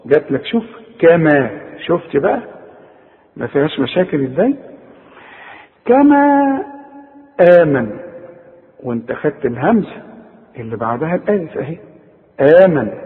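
A man's voice: fairly high pitch, long reverb tail, phone-quality sound. A man with an Egyptian accent teaching Quran recitation rules, speaking straight to the student and stretching out the example words he recites. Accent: Egyptian Arabic. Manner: addresses the student directly, drawn-out recited examples. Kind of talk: tajweed lesson.

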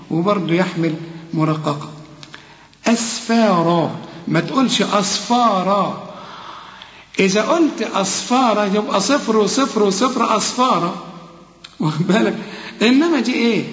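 A man with an Egyptian accent teaching Quran recitation. He coaches a student and slowly repeats words to demonstrate them. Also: high voice, fairly bright tone. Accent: Egyptian Arabic. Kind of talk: tajweed lesson, one-on-one drilling. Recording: echoey hall, dull lo-fi sound.

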